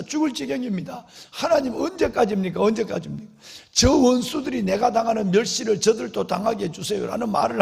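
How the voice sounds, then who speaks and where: A man's voice: very high-pitched, gravelly, a little mellow, slightly rough. A middle-aged male pastor preaching an impassioned sermon and calling out to the congregation. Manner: acts out prayers and quotes in a dramatic voice. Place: large church sanctuary. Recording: long hall reverb.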